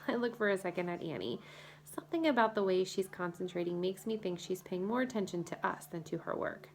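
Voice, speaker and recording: A woman reading a first-person children's novel as audiobook narrator, in a lively storytelling manner. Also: fairly low pitch, fairly quick, vocal fry.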